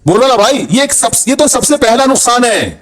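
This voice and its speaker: Male preacher, high-pitched, scolding sermon delivery. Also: very animated, a bit bright. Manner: scolding, rhetorical questions to the audience. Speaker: Islamic preacher.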